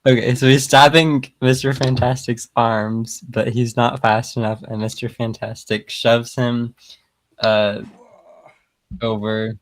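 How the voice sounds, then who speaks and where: A man makes up a fight scene on the spot, hesitant and pausing on fillers. His delivery is slow and his pitch barely moves. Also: level tone. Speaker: player. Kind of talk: casual improvised fight narration.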